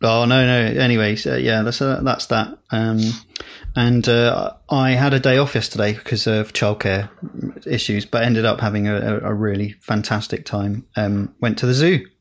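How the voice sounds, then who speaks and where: A man's voice: on the low side, fairly even intonation, moderate pace, gravelly. A man co-hosting a podcast, chatting casually with frequent fillers and restarts. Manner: rambling, hesitant, many fillers. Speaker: podcast co-host. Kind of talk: casual chat.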